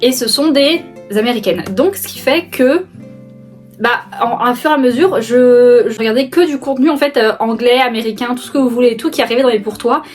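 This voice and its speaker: A woman's voice: a little high, a little fast, faint music behind. A young woman casually chatting to camera in a vlog, rambling with lots of fillers and restarts, laughing often. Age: young adult. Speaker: book vlogger. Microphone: phone camera.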